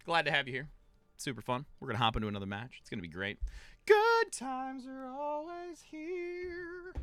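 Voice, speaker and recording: A man's voice: mid-range voice, pushed and bright, clear, resonant tone, dry recording. A man live-streaming a video game, chatting with viewers and commentating his own match in a hyped, chatty way while sounding tired. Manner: hyped, chatty, reads chat aloud. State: tired, yawning.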